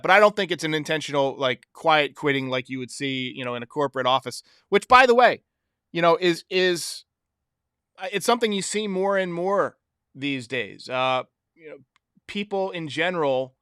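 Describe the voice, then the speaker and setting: Bright, crisp-voiced man hosting sports talk. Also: a little high, no echo, studio quality. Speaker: sports show host answering fan voicemails. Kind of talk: casual opinion commentary.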